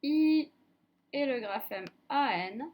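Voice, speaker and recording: Slow, high-voiced French schoolteacher. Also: female voice, lively intonation, a little mellow, slight background noise. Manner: slow, clearly articulated, drawing out sounds. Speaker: primary school teacher. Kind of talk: reading lesson for young children.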